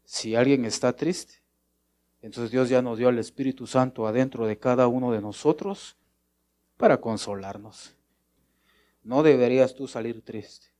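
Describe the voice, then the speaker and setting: Rich: A man preaching a sermon at an even middle pitch. He keeps asking his congregation questions and answers them himself. Now and then he drops to a softer voice to act out a short prayer. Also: measured pace, long pauses.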